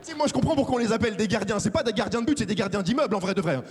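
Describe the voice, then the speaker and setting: A young man from France doing a lively stand-up comedy set, acting out characters in a big theater. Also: sits high, racing, a faint crowd. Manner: animated, acts out characters. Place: large theater stage with audience. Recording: live hall reverb.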